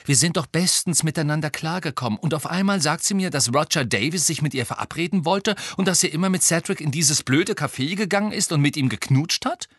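A man's voice: medium pitch, lively intonation, measured pace, a bit bright, breathy edge, dry recording, studio quality, pitched above the performer's own voice. A man reading an audiobook, voicing an indignant, flustered teenage boy wizard who stammers when upset.

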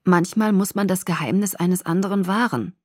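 A woman voicing a hoarse, hot-tempered young man in an audiobook, torn by a secret he cannot share, pleading in an urgent half-whisper. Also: on the low side, normal speed, a little mellow, dry recording, clean studio sound, lightly acted. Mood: earnest. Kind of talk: audiobook character voice.

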